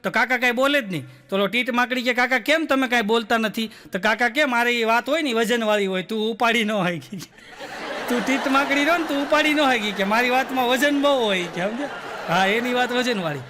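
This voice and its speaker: A Gujarati comedian on stage, spinning joke after joke in a strikingly high, bright and forceful voice. He slips into the characters of his tales and laughs along with his own punchlines. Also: brisk, a little hiss or hum. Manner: storytelling, acting out characters with raised pitch and laughing through punchlines. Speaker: stand-up comedian. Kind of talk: stand-up joke telling.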